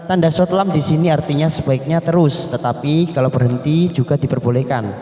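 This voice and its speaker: A man's voice: on the high side, fairly quick, dark tone. A man teaching Quran reading, over-enunciating each syllable as he explains and demonstrates melodic recitation. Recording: echoey room with long reverb.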